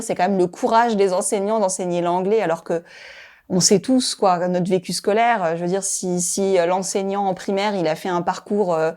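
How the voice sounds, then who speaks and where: A woman's voice: fairly low pitch, a little mellow. A woman hosting a podcast, talking in a casual, reflective way and laughing easily. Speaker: podcast host. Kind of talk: casual conversational interview.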